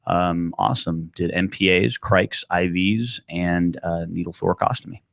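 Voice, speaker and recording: A man's voice: low voice, fairly even intonation, moderate pace, gravelly, no echo. A man hosting a casual show from a studio, teasing his co-hosts and laughing often. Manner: joking, teasing banter with frequent laughs. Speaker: podcast host. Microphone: studio mic with headphones.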